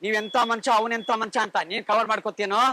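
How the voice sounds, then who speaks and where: A man's voice: sits high, flat delivery, very fast, sharp tone. A man playing a pushy prankster posing as a holy man, scolding and ordering people about in a hidden-camera prank. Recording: noisy street recording.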